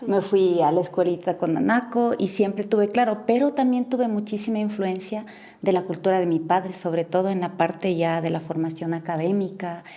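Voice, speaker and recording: A woman from Ecuador's Imbabura highlands, answering interview questions in a measured, reflective way with frequent pauses. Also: fairly even intonation, mellow. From Ecuador, Imbabura province. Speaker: interview guest.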